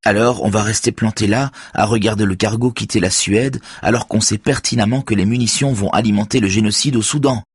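An audiobook figure: a man playing a fiery female police officer who presses every point with indignation. The voice stays husky and dry in the recording. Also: deep voice, normal speed, dry recording, pitched above the performer's own voice. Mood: indignant. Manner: heated, pressing.

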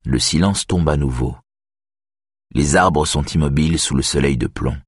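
A man narrating an audiobook in a measured, even storytelling manner. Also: rumbling low, husky, no echo, clean studio sound.

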